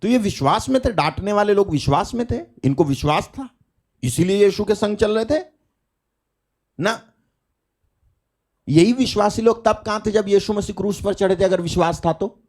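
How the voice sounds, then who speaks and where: A male preacher with a fairly high-pitched voice delivers a live sermon. He talks emphatically, firing off rhetorical questions and breaking in with calls of hallelujah. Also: lively intonation, moderate pace, pauses often, a little mellow. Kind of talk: live online prayer meeting.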